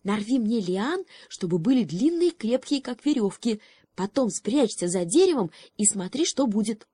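A cheerful, cunning little froglet from a storybook, lively and sly, as a woman reader plays him. His voice rides high above her own, with a dry, close sound. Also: moderate pace, slightly rough, dry recording.

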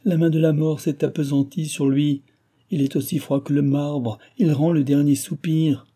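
A man's voice: medium pitch, normal speed, warm tone, husky, close to an everyday voice. A man reading the part of a distraught young woman who pleads in frantic outcries, in an audiobook.

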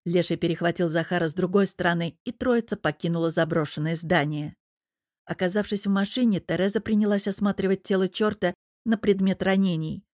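Low-voiced woman narrating an audiobook. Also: steady tone, brisk, darkish tone, no echo, studio quality.

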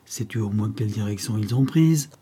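A man's voice: lowish voice, brisk, dark tone, husky. A man reading the part of a scheming older male gang chief who gives menacing commands.

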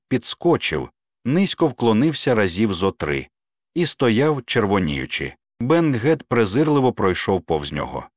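A man's voice: medium pitch, dry recording, clean studio sound. A man reading a story aloud as an audiobook narrator, voicing every character himself. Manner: reads every character in his own voice, lively intonation. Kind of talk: scripted narration.

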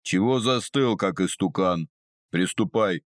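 A man voicing a sly old male overseer, gruff and scornful, speaking in an unhurried, mocking way. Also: low voice, dry recording, studio quality.

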